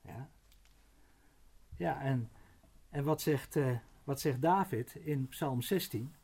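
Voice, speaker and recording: A middle-aged man preaching a Bible sermon, unhurried, slowing to stress words, with frequent small tag questions and restarts. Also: medium pitch, vocal fry, darkish tone, breathy edge.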